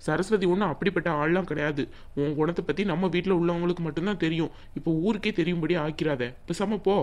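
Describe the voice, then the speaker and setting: A woman doing a stern, quick-tempered cartoon husband. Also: lowish voice, a little mellow, natural voice. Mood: scolding. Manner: rapid, scolding, stern. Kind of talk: cartoon family drama voice acting.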